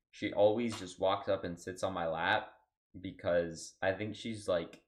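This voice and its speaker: A young man chatting casually on his livestream from home, rambling loosely with lots of fillers and restarts. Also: low-pitched. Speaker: streamer.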